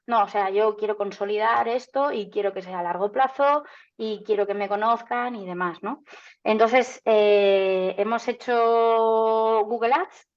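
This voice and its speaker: A woman, a marketing agency founder from Canada, answering interview questions in a chatty way with many fillers and restarts. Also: mid-range voice. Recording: slightly dull lo-fi sound.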